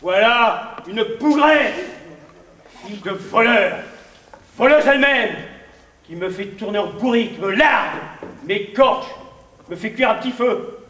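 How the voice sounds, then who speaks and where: A man's voice: sits high, a little slow, long pauses, sharp tone. A man acting a furious, exasperated husband who rants theatrically in an amateur stage comedy. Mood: raging. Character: furious bickering middle-aged husband. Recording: echoey hall, far from the mic, faint hiss.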